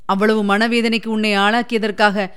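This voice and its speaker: A woman reading the part of a young prince who speaks calmly and reassuringly to his beloved. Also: medium pitch, moderate pace, smooth, lightly acted. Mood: earnest. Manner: calm, reassuring.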